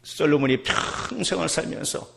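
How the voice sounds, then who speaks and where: A middle-aged man preaching a sermon as pastor, moving between quiet, almost whispered passages and loud, shouted exhortations. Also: fairly high pitch, normal speed, vocal fry, slight background noise. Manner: swings between hushed murmurs and shouted exhortation.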